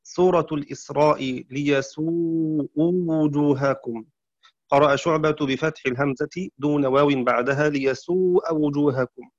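A man teaching Quran recitation variants in a measured lecture, citing verses and clearing his throat now and then. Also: fairly high pitch, fairly even intonation, dry recording, muffled recording. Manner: measured explanatory delivery with chanted verse quotes.

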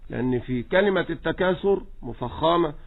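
A man with an Egyptian accent teaching Quran recitation in a radio lesson, slowly demonstrating each example. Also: a little high, animated, husky. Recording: tinny phone-like radio line.

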